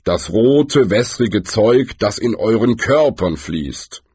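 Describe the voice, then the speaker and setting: A man doing a slow, gloomy giant troll. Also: lively intonation, darkish tone, breathy edge, dry recording, heavily acted. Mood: earnest. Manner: slow, deliberate and rumbling. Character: huge old male troll, slow and gloomy.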